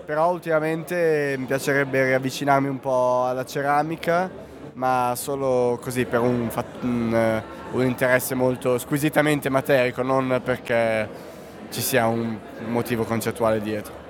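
A man's voice: mid-range voice, steady tone, normal speed, crowd noise. A man from Italy with an Italian accent, an art student answering interview questions thoughtfully and searching for words.

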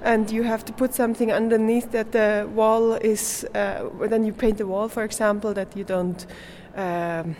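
A woman's voice: mid-range voice, flat delivery, normal speed, few pauses, a little mellow, a little hiss or hum. A young Swiss woman whose first language is German, answering interview questions in English, often hesitating to find words and laughing lightly. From Switzerland. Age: young adult. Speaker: guest artist.

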